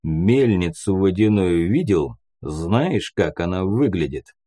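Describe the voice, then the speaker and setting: A male audiobook reader voicing a gruff older squad commander who speaks slowly and plainly. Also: low voice, lively intonation, dark tone, full character voice. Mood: explaining. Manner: slow, unhurried, folksy.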